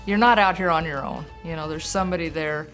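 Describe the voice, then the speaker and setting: A woman's voice: low voice, fast talker, fairly bright tone, soft background music. A woman speaking casually as a customer giving a testimonial.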